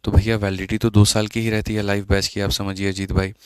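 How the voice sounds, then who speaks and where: Guy teaching maths live online, chatty and scolding, lowish smooth voice. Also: flat delivery, quick pace, no room sound. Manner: chatty, scolding students, mixes English terms into talk. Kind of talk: live online exam-prep class.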